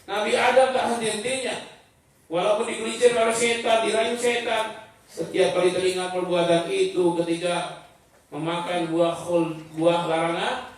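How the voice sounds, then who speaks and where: A man with a high voice delivers an online Islamic sermon, far from the microphone in a strongly echoing room. He chants Arabic phrases and then explains them in everyday speech. He acts out the prayers of a repentant sinner with rising emotion. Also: little pitch movement, normal speed. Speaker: preacher.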